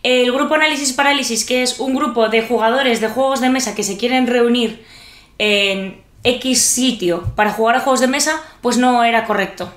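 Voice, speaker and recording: Young female co-host, higher pitch, deadpan dry humor, echoey studio. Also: moderate pace. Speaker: co-host, publisher. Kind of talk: casual live-stream chat. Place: small studio set with brick wall. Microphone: desk microphone.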